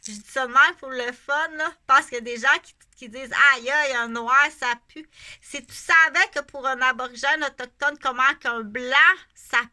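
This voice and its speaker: A middle-aged Canadian woman with a Québécois French accent talks unscripted to her vlog viewers at a moderate pace, in a high voice with a sharp, bright edge. Her casual monologue to camera rambles from point to point, repeating phrases for emphasis.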